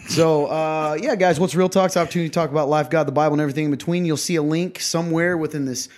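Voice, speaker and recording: A man's voice: fairly high pitch, steady tone, fast, darkish tone. A young man co-hosting a podcast in casual chat, teasing and often laughing. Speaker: podcast co-host.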